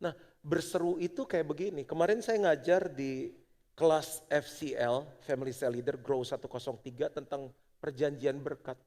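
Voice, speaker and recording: A middle-aged male pastor preaching a sermon, moving between loud exhortation and hushed prayer. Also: a little high, normal speed. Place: church auditorium. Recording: long church hall reverb.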